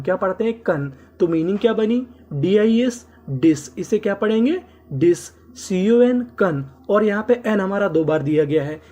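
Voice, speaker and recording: Mellow, husky-voiced woman teaching English reading. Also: mid-range voice. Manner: slow drilling repetition of syllables and words; asks and answers her own questions. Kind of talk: classroom lesson, spelling out words letter by letter.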